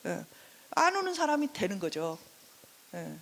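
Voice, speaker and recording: A woman's voice: medium pitch, very animated, measured pace, a bit bright, big-room sound. A woman giving a counseling lecture, who acts out what parents say to their children. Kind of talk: classroom lecture.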